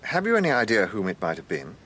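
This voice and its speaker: An actor playing a shrewd, courteous British gentleman police inspector in a radio drama, measured and dryly authoritative. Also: lowish voice, wildly swooping pitch, a little hiss or hum. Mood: wry.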